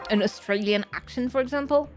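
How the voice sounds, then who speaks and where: Soft music plays while a French woman, speaking her native language with a French accent, talks through a casual gaming stream. She sounds a little high and brisk, wandering through her thoughts and fixing her own wording as she goes.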